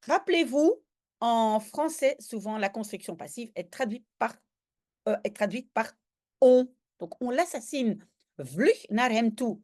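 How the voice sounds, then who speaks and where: A woman with a Flemish accent, a language teacher reading a comic aloud and explaining each line, with lively bursts when she voices the characters' cries. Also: on the high side, a little slow.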